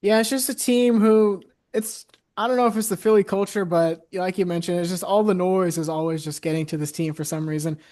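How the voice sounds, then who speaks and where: A man's voice: high-pitched, fairly quick, few pauses. Easygoing young man on a sports podcast. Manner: relaxed, easygoing, with filler words. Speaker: podcast co-host. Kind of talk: casual sports talk.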